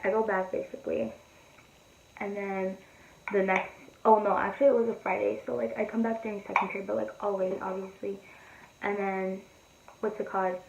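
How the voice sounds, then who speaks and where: Gravelly teen girl ranting in an echoey room. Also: medium pitch, flat delivery, brisk, darkish tone, lo-fi sound, a little hiss or hum. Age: teens. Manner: rambling, filler-heavy, profane and blunt. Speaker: beauty vlogger. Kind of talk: casual storytime chat while doing makeup.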